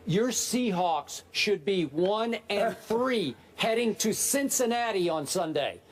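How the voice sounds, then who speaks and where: A man's voice: high-pitched, lively intonation, takes it slowly. A man in a sports debate, contrarian and wordy, pushing back pointedly.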